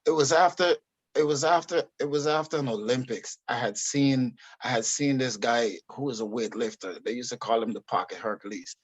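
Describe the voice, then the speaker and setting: A man's voice: medium pitch, moderate pace, breathy edge, no echo. Middle-aged Guyanese man, dry close sound. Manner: easygoing, candid, swears casually. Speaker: guest, fitness coach. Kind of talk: casual interview storytelling.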